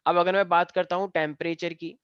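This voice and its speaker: A man's voice: high-pitched, level tone, brisk, smooth, no echo, dull audio. A man teaching a science class, explaining step by step and joking with his students. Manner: playful, joking and teasing students. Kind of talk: live online class lesson.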